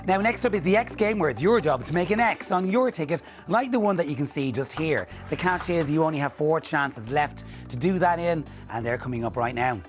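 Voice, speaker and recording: A middle-aged man presenting a TV bingo draw in a clear, measured, scripted style. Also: on the high side, animated. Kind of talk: scripted game-show presenting, calling out numbers. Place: TV studio. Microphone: lapel mic. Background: music.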